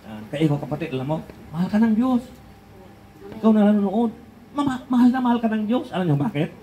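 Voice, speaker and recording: A man's voice: high-pitched, animated, fast, warm tone, slight background noise, poor audio. An older man preaching a sermon in a conversational way, asking rhetorical questions and chuckling between points.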